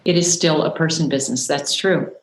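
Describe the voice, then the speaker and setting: A woman with a fairly low voice co-hosts a casual chat, agreeing warmly and jumping in with quick enthusiasm. Her voice carries a noticeable echo from the room. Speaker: regular co-host.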